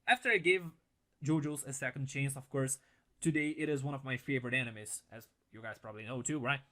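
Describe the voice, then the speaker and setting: Talking at a brisk clip in a medium pitch, this young Portuguese-speaking host of an anime reaction channel gives casual, excited commentary to camera. He curses and laughs frequently, and his stand mic sits a bit farther back than normal.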